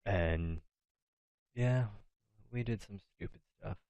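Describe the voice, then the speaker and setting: A young man with a very low, smooth and resonant voice, chatting casually on a podcast. He tells rowdy stories with dry jokes and plenty of swearing, and the sound is close and dry. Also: slow pace, darkish tone, dry recording. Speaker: podcast co-host. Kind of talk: casual chat.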